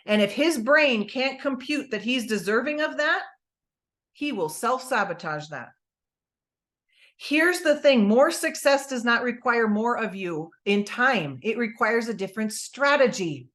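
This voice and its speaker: A woman giving an energetic, emphatic motivational talk on a group call, asking her listeners questions. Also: fairly high pitch. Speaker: motivational speaker.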